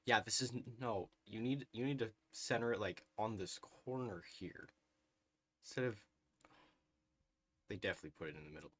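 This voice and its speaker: Low-voiced man streaming over a headset mic. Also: normal speed, pauses often, fairly bright tone. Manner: thinks aloud, reacts with frequent "ooh"s and small laughs. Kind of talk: live gameplay commentary, talking to chat.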